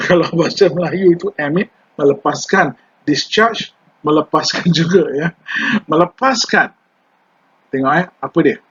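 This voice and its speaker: An older man with a Malaysian Malay accent gives a chatty environmental law lecture, mixing English terms into his Malay and putting questions to the class. His voice is fairly high, slightly slow, fairly bright and a bit rough, and the recording is dull and lo-fi.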